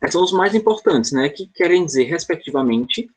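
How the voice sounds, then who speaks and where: A man with a somewhat high voice teaches an online class over a computer mic. He explains in a relaxed, chatty way and keeps checking in with his students. He is from Brazil. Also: brisk. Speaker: English teacher.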